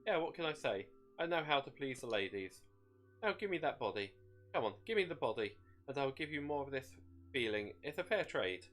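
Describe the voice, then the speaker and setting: A man's voice: mid-range voice, very animated, a little fast, a bit bright, soft background music. A man voicing a gleeful, bloodthirsty demon shade, mocking and wheedling in folksy slang as in a dramatic story.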